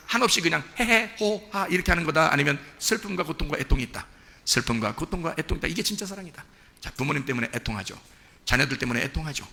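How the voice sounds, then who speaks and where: A male pastor preaching a sermon in a lively, conversational way, asking the congregation questions and acting out what people think to themselves. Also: fairly high pitch, husky, big-room sound. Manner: animated, rhetorical questions, acts out inner voices.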